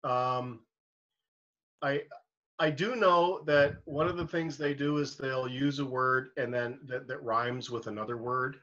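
A man co-hosting a podcast in a casual, jokey chat, animated and self-deprecating. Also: medium pitch, unhurried. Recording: dull lo-fi sound.

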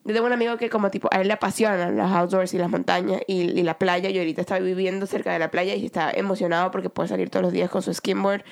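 A woman's voice: medium pitch, flat delivery, fast talker, gravelly, few pauses. A woman co-hosting a podcast in casual chat, rambling with many fillers and slipping into English phrases. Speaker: podcast co-host.

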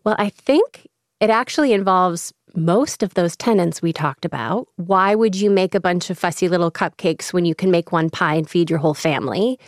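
A woman's voice: fairly low pitch, normal speed, no room sound, clean studio sound. A woman from the Midwest with a Chicago accent, chatting enthusiastically as a cookbook author in a radio interview. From American Midwest. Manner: enthusiastic, chatty, laughs often.

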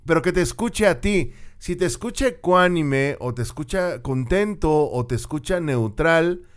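A man's voice: fairly high pitch, expressive, unhurried, clean tone. A middle-aged man with a Mexican accent, a media commentator and teacher talking casually to his audience and acting out quoted dialogue. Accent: Mexican Spanish. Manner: conversational, acts out quoted dialogue in other voices. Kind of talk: casual monologue to camera.

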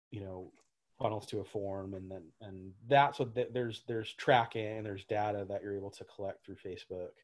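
A man's voice: lowish voice, a little mellow. A man, a gym owner, answering interview questions in a loose, rambling way with lots of fillers and restarts. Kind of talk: casual interview talk.

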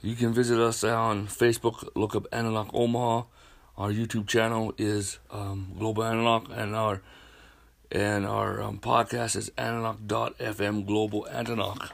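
A man's voice: lowish voice, flat delivery, normal speed, gravelly. A middle-aged man from the United States preaching a prophetic sermon as a podcast host, in a declamatory, repetitive manner punctuated with amens and hallelujahs.

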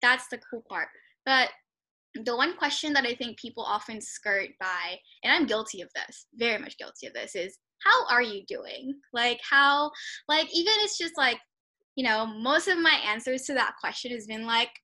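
Young woman, high bright voice, rambling casual interviewer, lots of "like" fillers. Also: lively intonation, moderate pace. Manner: chatty, many fillers like "like" and "you know". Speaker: interviewer starting a personal project. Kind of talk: casual conversational interview over a call. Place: at home.

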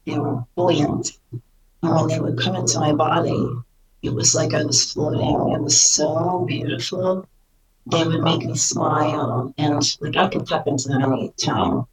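A woman talking casually and earnestly about her channeling experiences, halting and repeating phrases for emphasis. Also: low-pitched, steady tone, far from the mic, rough recording. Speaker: spirit channeler, interview guest.

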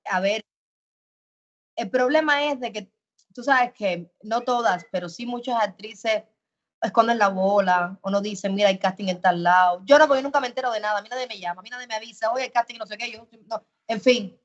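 A woman guest on an interview show who talks in a loud, emphatic and animated way. Her voice swings between loud bursts and soft asides. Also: fairly high pitch, a little fast. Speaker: actress guest. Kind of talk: casual interview chat. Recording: dull lo-fi sound.

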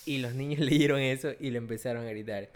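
A young man chatting casually, animatedly acting out quoted voices as he tells stories. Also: fast talker. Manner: animated storyteller, acts out quotes in high voices. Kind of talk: casual chat.

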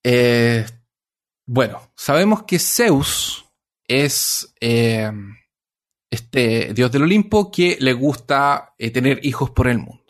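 A man with a medium-pitched, animated voice takes his time retelling a myth in casual conversation. He rambles, using many fillers and restarts, and corrects himself as he goes.

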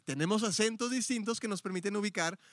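A middle-aged man with a Mexico City Spanish accent gives a relaxed church lesson in a fairly high voice. He explains things conversationally, restarting phrases and dropping in fillers and little jokes. The sound is dry and close, with no room around it. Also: fast talker, no room sound. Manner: chatty and explanatory, frequent "este" fillers and self-corrections, joking asides. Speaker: Bible teacher.

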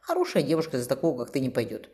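A woman's voice: a bass voice, wildly swooping pitch, racing, mellow, exaggerated voice. A woman voicing a sad fifteen-year-old girl in an audiobook. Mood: resigned. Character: resigned teenage girl, wistful and sad.

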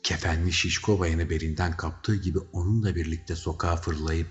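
Deep-voiced male narrator, dramatic audiobook read, slightly muffled sound. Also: steady tone, moderate pace. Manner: dramatic storytelling, shouting characters' cries. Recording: slightly dull recording with faint music.

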